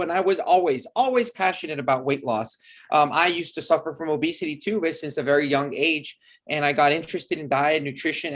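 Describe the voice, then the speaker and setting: Earnest Salvadoran-born surgeon, slightly high voice. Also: male voice, fairly bright tone. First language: Spanish. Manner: earnest, enthusiastic, frequent restarts. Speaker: bariatric surgeon guest. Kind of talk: interview answers.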